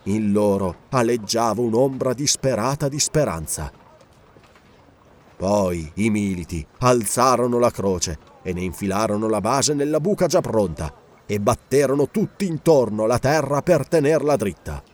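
A man narrating a dark adventure story as an audiobook, grave and expressive. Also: lowish voice, a little slow.

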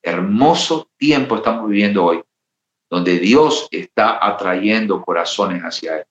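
Passionate pastor preaching. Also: male voice, on the low side, measured pace. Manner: impassioned preaching, acting out quoted voices. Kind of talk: sermon. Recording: roomy, slightly dull sound.

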